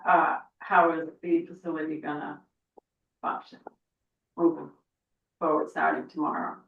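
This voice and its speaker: A woman's voice: deep voice, level tone, a little slow, vocal fry. Woman, public commenter, blunt pressing tone, far from mic, thin phone-like sound, room echo. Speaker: resident giving public comment. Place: town meeting room, audience area. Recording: distant, thin and echoey.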